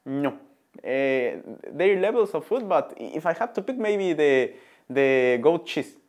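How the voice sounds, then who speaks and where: A man's voice: fairly high pitch, animated, slow, darkish tone. A man in his twenties from Ecuador with a Spanish accent, answering interview questions thoughtfully with many fillers, seated in a studio. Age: 20s. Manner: thoughtful, hesitant with frequent fillers. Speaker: interviewed student. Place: indoor studio before a printed backdrop.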